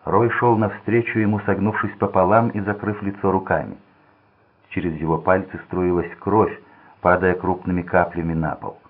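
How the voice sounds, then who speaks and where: A man narrating a thriller audiobook in a steady, measured reading voice. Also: sits low, husky. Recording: tinny phone-like sound.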